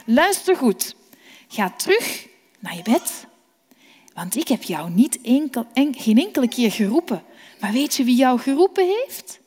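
A woman voicing Eli, a sleepy, calm old priest, in a storybook reading. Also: sits high, husky, full character voice. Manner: slow, sleepy, mild. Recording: long reverb.

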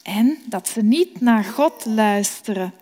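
A woman's voice: a little high, lively intonation, takes it slowly, mellow. A woman voicing young boy Samuel, eager and earnest, in a storybook reading. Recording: long reverb.

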